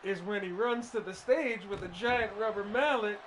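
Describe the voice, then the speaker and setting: A man's voice: sits high, normal speed, fairly bright tone. A man giving comedic color commentary on a wrestling match with dry, absurd one-liners. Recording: noisy background.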